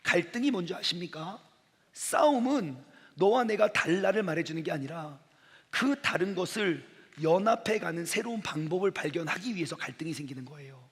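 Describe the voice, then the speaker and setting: A man's voice: high voice, normal speed, husky. A middle-aged man preaching at a youth camp, acting out dialogue scenes with the crowd. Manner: animated, acts out dialogue with the audience. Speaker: pastor. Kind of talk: lively youth camp sermon with acted skits. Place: large hall. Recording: long hall reverb.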